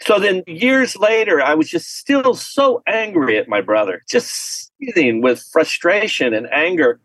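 A man from Texas, an artist being interviewed, telling stories in a lively, laughing way. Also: unhurried, no echo, low-quality recording. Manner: animated, laughing storyteller with lively pitch swings. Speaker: artist guest. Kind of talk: casual storytelling interview.

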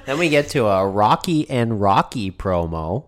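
A man's voice: lowish voice, sing-song, unhurried. A man in his thirties hosting a casual wrestling recap, talking like a brash, foul-mouthed frat bro. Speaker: wrestling podcast host.

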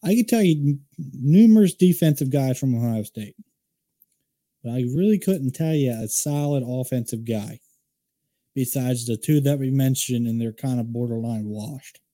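A man's voice: medium pitch, lively intonation, normal speed, dark tone. A man co-hosting a casual sports chat, rambling and opinionated, restarting his sentences often. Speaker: podcast co-host.

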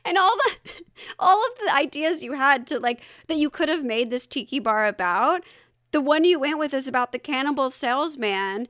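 A woman co-hosting a casual podcast chat, telling a story with lots of giggles and animated asides. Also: high-pitched, no room sound, studio quality. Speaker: podcast co-host.

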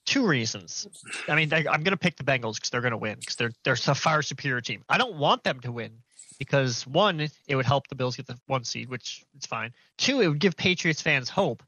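Bright, blunt-talking man. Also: mid-range voice, animated, fairly quick, no room sound, poor audio. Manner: blunt, profane ribbing. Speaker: podcast co-host. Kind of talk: casual sports chat.

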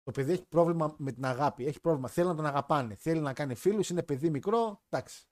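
A man's voice: on the high side, darkish tone. A man hosting a live wrestling chat stream, talking in a joking, rambling way. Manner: chatty, joking, rambling with restarts. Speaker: wrestling podcast host.

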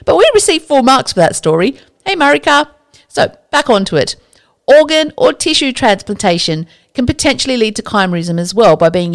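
A woman hosting a podcast, explaining science in a casual, chatty, enthusiastic monologue that drifts into asides. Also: fairly low pitch. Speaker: podcast host.

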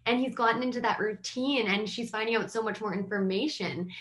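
A woman's voice: a little high, steady tone, fairly quick, a bit bright. Chatty young woman explaining to parents. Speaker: child therapist. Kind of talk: casual advice chat.

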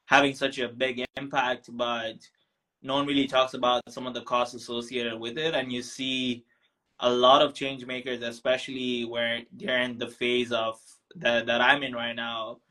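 A man's voice: medium pitch, level tone, moderate pace, bright, forceful tone, poor audio. A young man from Tanzania, a founder talking as a guest in a casual interview, reflective and full of ums and restarts. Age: young adult.

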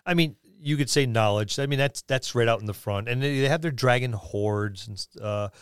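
A man with a smooth, medium-pitched, slightly fast voice co-hosts a podcast, chatting casually about tabletop roleplaying. The recording is studio quality with no room sound.

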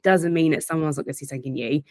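Direct, energetic woman with a low voice. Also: very fast, dry recording, clean studio sound. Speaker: guest, performance and corporate coach. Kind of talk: casual interview chat.

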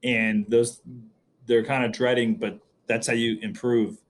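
A man hosting a casual interview, relaxed and asking questions with a few restarts. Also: medium pitch, a little slow. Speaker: interview host.

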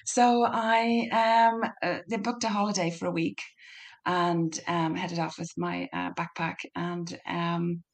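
A middle-aged woman with a west of Ireland Donegal accent, chatting casually as an interview guest and often pausing to think aloud. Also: fairly low pitch, fairly even intonation. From Donegal, northwest Ireland. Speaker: podcast guest.

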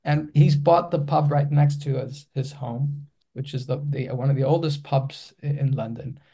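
A man's voice: medium pitch, fairly even intonation, moderate pace, mellow, breathy edge. A Greek-accented man in his forties, a filmmaker guest in an interview, speaking hesitantly with many restarts. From Greece.

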